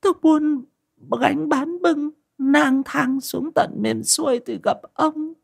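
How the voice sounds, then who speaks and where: A woman's voice: high voice, takes it slowly, creaky, pitched above the performer's own voice, full character voice. A man voicing an older village wife who was once a shaman, crying and pleading in a choked voice. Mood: sorrowful recollection.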